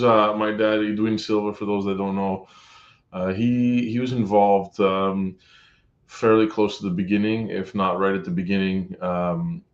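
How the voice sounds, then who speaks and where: Low-voiced man, rambling guest on dull audio. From Canada. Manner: rambling, many restarts and fillers. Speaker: podcast guest. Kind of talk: casual conversation. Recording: dull lo-fi sound.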